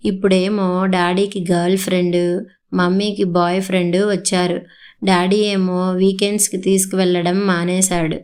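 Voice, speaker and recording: A woman's voice: on the low side, flat delivery, moderate pace, a little mellow, lightly acted. A woman voicing a young boy in a storybook reading, speaking in a pleading, childlike way. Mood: upset. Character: young boy grandson, upset and tearful.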